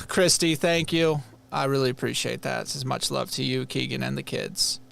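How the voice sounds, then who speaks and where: With slight background noise behind him, a livestream host from Rochester, New York, reacts to a replay in casual conversation. His mid-range voice is gravelly and moves at normal speed; he's earnest, lively and rambling.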